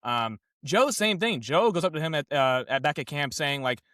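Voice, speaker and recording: A man co-hosting a casual reality-show recap, talking in an excitable, rambling way with frequent restarts. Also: on the high side, normal speed, dry recording, studio quality. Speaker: podcast co-host.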